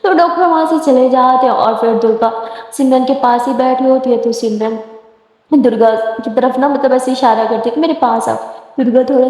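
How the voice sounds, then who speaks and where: A woman a high voice narrates a romance story in a loose, chatty way, slipping straight into the characters' dialogue and repeating as she talks. Her voice rings out in a very echoey room a long reverb tail. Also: darkish tone. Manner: casual, slips into dialogue, repeats words.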